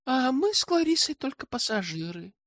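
A male narrator voicing an airy, dreamy young woman in an audiobook, breathy and sighing. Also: very high-pitched, big pitch swings, moderate pace, a bit bright, no room sound, clean studio sound, voice pushed up, heavily acted.

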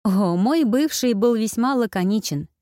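A woman voicing a sharp-tongued young witch lawyer who speaks sardonically, in a storybook reading. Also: a little high, expressive, measured pace, no room sound, studio quality, voice pushed up. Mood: sardonic. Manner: sardonic, growling when angry.

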